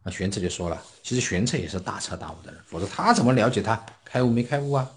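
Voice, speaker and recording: A man's voice: fairly low pitch, fast talker. A man giving a Buddhist dharma talk, explaining scripture and telling stories, often acting out the people he quotes. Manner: storytelling, acting out quoted speakers with lively swings. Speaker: Buddhist teacher.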